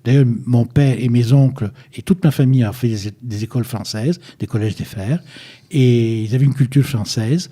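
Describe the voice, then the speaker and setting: An older Egyptian man, a guest in a radio interview, has a very dark voice at a medium pitch and speaks at a normal speed. He is hesitant, repeating words while searching, yet firm and insistent, and the studio microphone is sometimes too far from him.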